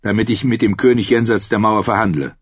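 Male reader as a steady, terse young man, low voice, dull close audiobook sound. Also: fairly quick, noisy background, lightly acted. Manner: calm, terse, earnest. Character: young, earnest, steady male sworn brother. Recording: muffled lo-fi recording.

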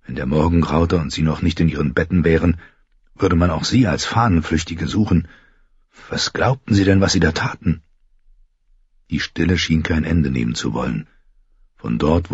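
A man reading an audiobook as narrator with lively, expressive storytelling. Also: very deep voice, moderate pace, slightly rough, no echo. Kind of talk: scripted narration. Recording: muffled lo-fi, dry.

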